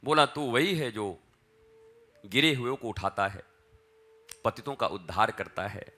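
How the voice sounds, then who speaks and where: Bright-voiced man telling a devotional tale. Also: lowish voice, animated, a little slow. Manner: acts out dialogue in dialect, swings from hushed chant to loud calls. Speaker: spiritual teacher. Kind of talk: devotional storytelling sermon.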